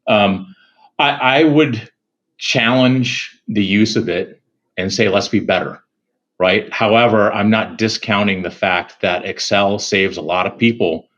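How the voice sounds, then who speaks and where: Male guest, security executive, low voice, measured and reflective, muffled remote-call audio. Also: fairly bright tone. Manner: measured, thinking aloud with fillers. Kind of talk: casual interview answers.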